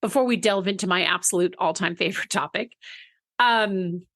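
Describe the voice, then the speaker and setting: A woman's voice: lowish voice, normal speed, fairly bright tone, no room sound, studio quality. A woman co-hosting a podcast in a chatty, casual way, often restarting her sentences and laughing easily. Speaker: podcast co-host.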